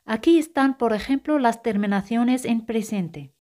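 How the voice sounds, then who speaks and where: A woman teaching a language lesson, saying each phrase slowly and repeating it twice in a patient, clear way. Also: a little high, dark tone. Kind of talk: slow-paced language lesson.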